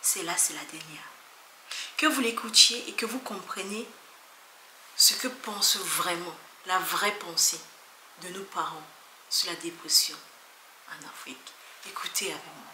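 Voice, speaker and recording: A woman vlogger talking earnestly to her viewers, emphatic and often soft and hushed. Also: lowish voice, a little slow, pauses often. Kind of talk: earnest talk to camera. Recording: echoey room with faint background noise.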